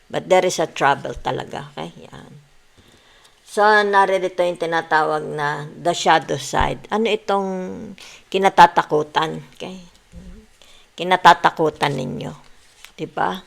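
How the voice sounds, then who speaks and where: A woman's voice: low-pitched, a little slow, gravelly, long pauses. A woman reading tarot cards for her viewers, mixing Tagalog and English, often asking "di ba" and telling listeners to relax. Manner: mixes Tagalog and English, repeats "di ba" and "yan" often; soothing, tells listeners to relax. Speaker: tarot reader.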